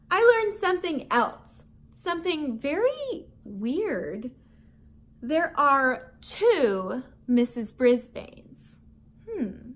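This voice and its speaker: A teacher reads a storybook and teaches vocabulary to schoolchildren in a high, slightly bright voice with big pitch swings, going very slowly and pausing often. She's playful, talks right to her listeners with questions, and chuckles frequently.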